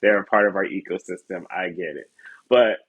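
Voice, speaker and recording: A man's voice: sits low, brisk, husky, narrow, tinny audio. A man co-hosting a casual podcast chat, laid-back and candid, with slangy talk and frequent laughter. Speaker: podcast co-host. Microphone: camera on a tripod.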